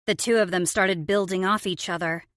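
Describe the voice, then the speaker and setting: A woman narrating a romance audiobook in the first person, with expressive storytelling. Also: on the low side, moderate pace, no room sound. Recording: dry studio recording.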